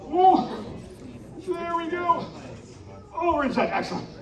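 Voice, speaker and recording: A man performing a live interactive story show at a winter carnival, coaxing the audience into shouted call-and-response. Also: very high-pitched, big pitch swings, unhurried, music in the background. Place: outdoor winter carnival stage. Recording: echoey, distant live recording with crowd.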